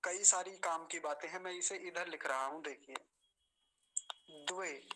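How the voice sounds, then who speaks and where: Teaching mantra pronunciation online, this man speaks in a fairly high, bright and forward voice over a rough recording. Patient and polite, he treats his students respectfully, drawing out tricky words and repeating them slowly and carefully, one syllable at a time.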